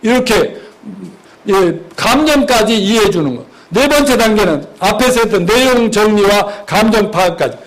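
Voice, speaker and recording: A man's voice: sits high, moderate pace, rough recording. A man preaching a sermon as pastor, animatedly acting out everyday dialogues. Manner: animated, acts out dialogues in different voices.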